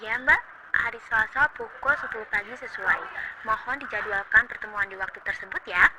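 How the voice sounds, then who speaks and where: A woman's voice: mid-range voice, brisk, heavy background noise, lightly acted. A young woman playing a polite, formal company representative on a business call. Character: polite female company representative calling for an appointment. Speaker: business caller. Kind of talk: role-played business phone call.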